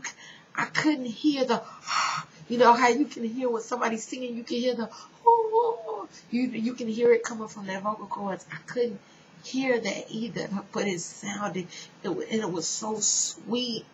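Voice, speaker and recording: A woman giving an earnest personal spiritual testimony, speaking straight to her listeners and dropping now and then to a soft whisper. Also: on the high side. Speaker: spiritual storyteller. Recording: dull lo-fi sound with faint noise.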